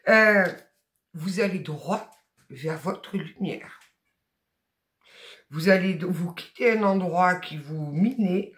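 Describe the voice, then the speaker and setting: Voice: mid-range voice, roomy sound. Emphatic tarot reader with a Southern French accent. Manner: emphatic, colloquial, encouraging, blunt asides. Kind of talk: spoken tarot guidance reading.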